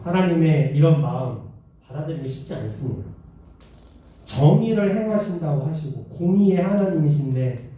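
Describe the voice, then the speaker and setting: A man preaches to teenagers in a relaxed, chatty way and keeps asking them questions. His voice sits fairly high but sounds very dark and mellow. It comes from a distance in a big, strongly echoing hall. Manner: conversational, asks the audience questions. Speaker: youth pastor. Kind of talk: sermon to teenagers. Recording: echoey hall, mic far off.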